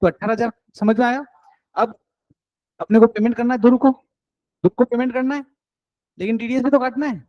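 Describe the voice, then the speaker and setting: A man's voice: extremely high pitch, fairly even intonation, fairly quick, long pauses, no room sound, muffled recording. A man teaching an accounts class, coaxing and encouraging his students and mixing in English terms.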